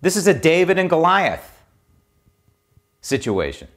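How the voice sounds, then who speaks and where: American male talk host, opinion monologue: emphatic, exhorting, very lively intonation. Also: fairly high pitch, a little slow. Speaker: political talk show host.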